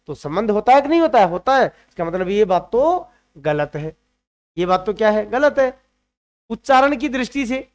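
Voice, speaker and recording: A man with a high, smooth voice teaches an exam-prep grammar lesson. He keeps repeating key points and firing rhetorical questions at his students. He has them chant rules aloud along with him.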